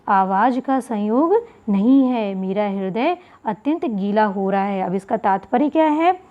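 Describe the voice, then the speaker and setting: A woman teacher explaining a Sanskrit textbook lesson, going word by word and repeating key terms. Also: fairly high pitch. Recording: tinny phone-like audio.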